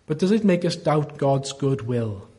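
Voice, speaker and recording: A man with a Welsh Valleys accent preaching a sermon in an earnest, deliberate way, often posing rhetorical questions. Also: fairly high pitch, lively intonation, warm tone. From South Wales valleys.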